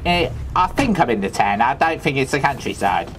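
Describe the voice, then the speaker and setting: Here the same Cockney-accented Londoner rambles as a daft, loveable thief in funny gameplay commentary, tossing off chatty and absurd deadpan remarks. He sounds cheeky, speaking fairly quickly in a mid-range voice over slight background noise.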